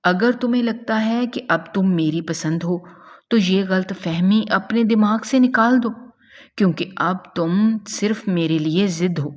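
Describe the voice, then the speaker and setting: A woman's voice: medium pitch, long reverb tail, highs cut off, natural voice. A woman voicing a domineering young man who mocks and threatens a captive woman in a spoken story. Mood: menacing. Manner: mocking, menacing and possessive.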